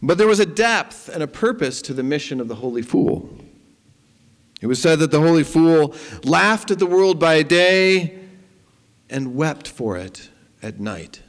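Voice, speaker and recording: A man preaching a sermon and leading prayer, speaking deliberately with prayerful pauses. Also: a little high, lively intonation, long reverb tail. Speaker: pastor.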